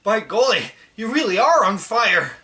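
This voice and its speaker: A woman's voice: medium pitch, sing-song, a little slow, bright, forceful tone, pitched above the performer's own voice. A woman voicing a nervous young boy who stammers over his words.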